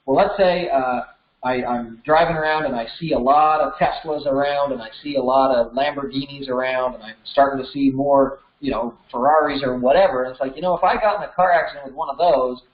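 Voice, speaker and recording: Speaking a little fast in a mid-range voice, a thirty-something American man teaches casually, breaking his points down one step at a time. The recording is slightly dull and echoes like a large room.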